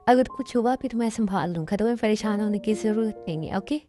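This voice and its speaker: A woman's voice: medium pitch, fairly quick, dark tone, faint music behind, natural voice. A woman voicing a protective young man as a fan dub, speaking in a soothing, reassuring way. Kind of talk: amateur Hindi fan dub.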